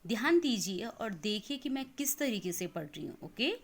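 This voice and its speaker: A woman teacher with an Indian accent giving an online lesson to young children, reading words slowly syllable by syllable and mixing in English words. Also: fairly high pitch, big pitch swings. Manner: slow, exaggerated syllable-by-syllable reading aloud.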